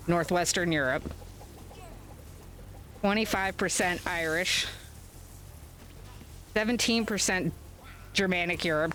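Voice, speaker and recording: Her voice is on the low side and fairly bright, with slight background noise on the webcam recording. An American woman hosting a gaming stream from home, she rambles casually as she plays, unhurried and full of fillers and little chuckles.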